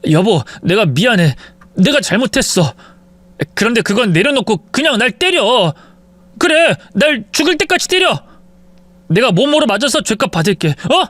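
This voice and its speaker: A narrator voicing a young husband caught lying, stammering and pleading in a spoken-story drama. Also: male voice, extremely high pitch, big pitch swings, moderate pace, a bit bright, no room sound, pitched above the performer's own voice, heavily acted. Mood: panicked.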